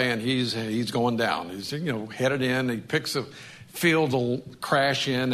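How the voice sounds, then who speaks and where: A man preaching a sermon, telling a humorous story in an animated way. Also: medium pitch. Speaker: pastor.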